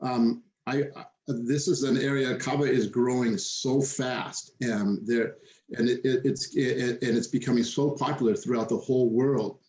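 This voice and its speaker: A man's voice: medium pitch, steady tone, a little slow, a little mellow, echoey room, poor audio. A man who runs a kava export company, speaking hesitantly on a webinar panel with many fillers.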